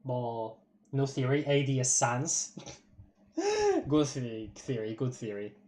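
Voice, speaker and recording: This Polish streamer, whose first language is Polish and whose accent is light, reads a webcomic aloud during a casual live stream. Her medium-pitched voice moves slowly and warmly with big swings in pitch. She giggles often and trips over long words.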